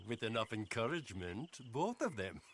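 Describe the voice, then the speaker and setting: An actor playing a shrewd, formal moneylender who is coldly polite and dryly amused. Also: male voice, fairly low pitch, very animated, moderate pace, a bit bright, a little hiss or hum. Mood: smug, businesslike.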